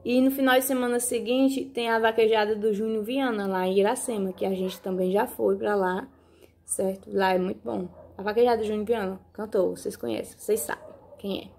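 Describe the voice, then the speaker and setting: A woman's voice: mid-range voice, fairly even intonation, a little fast, a little mellow, slight background noise. A woman, chatting casually to her viewers on a phone video, often checking in with them and repeating herself. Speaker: vlogger. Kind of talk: casual vlog talk to viewers. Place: countryside home.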